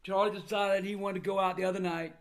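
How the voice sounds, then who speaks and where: A man's voice: high voice, level tone, quick pace. An older man talking casually and bluntly to his viewers, with the plain manner of an old grandfather. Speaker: vlogger recounting family troubles. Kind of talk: casual personal talk to viewers.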